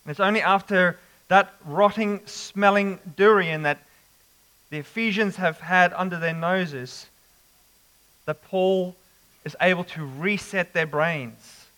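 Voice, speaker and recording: A man preaching an expository sermon, slow and emphatic with dramatic pauses. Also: sits high, pushed and bright, low-quality recording.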